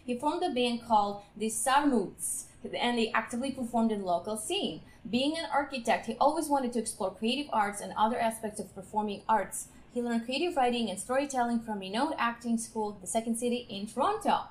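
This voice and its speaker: A woman's voice: on the high side, brisk, hardly any pauses. A woman hosting a podcast, reading out her guest's introduction in an upbeat way and laughing often. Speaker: podcast host.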